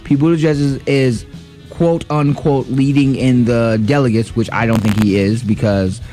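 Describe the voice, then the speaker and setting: A man co-hosting a political radio talk show, animated and exclamatory, with frequent interjections. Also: medium pitch, moderate pace, soft background music. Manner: animated, exclaims often, says dog.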